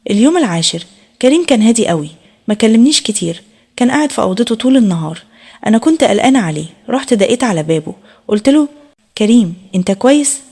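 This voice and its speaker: A woman with an Egyptian Arabic accent narrating a first-person story in a steady, intimate way. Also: on the high side, rapid-fire, breathy edge.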